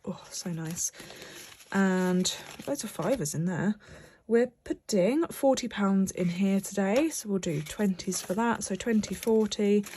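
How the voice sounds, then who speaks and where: A young British woman, stuffy from a cold, has a warm, mid-range voice and an unhurried pace, with slight background noise. As a budgeting vlogger, she casually chats to camera about her budget while doing cash stuffing, rambling with plenty of fillers and restarts.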